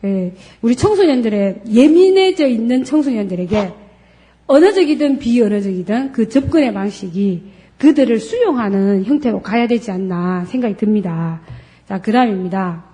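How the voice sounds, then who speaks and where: A woman giving a lecture, acting out quoted dialogue as she goes. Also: moderate pace. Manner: acts out quoted dialogue with lively pitch swings.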